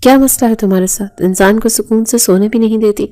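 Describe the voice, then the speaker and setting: A woman's voice: on the high side, dark tone, natural voice. A woman reading the lines of a stern young husband in a storybook narration, firm and commanding. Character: stern young husband, gruff then gentle.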